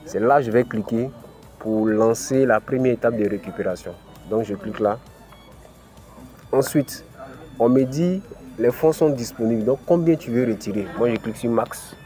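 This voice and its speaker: African french guy doing a screen tutorial, says ok a lot, kinda low warm voice. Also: moderate pace, faint music behind. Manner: explains step by step, many "ok" and "voilà" fillers. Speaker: crypto channel host. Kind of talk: screen-recorded tutorial walkthrough.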